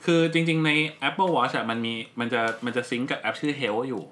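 A man co-hosting a podcast, explaining new features in a relaxed, casual chat. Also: medium pitch, moderate pace, a little hiss or hum. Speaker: podcast co-host.

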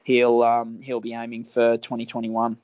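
An Australian man chatting casually about sport as a guest injury analyst, in an informal, halting way that often restarts mid-sentence. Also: medium pitch, monotone, a little mellow, no room sound, muffled recording. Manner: informal, halting, self-interrupting. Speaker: injury analyst guest on a rugby league show.

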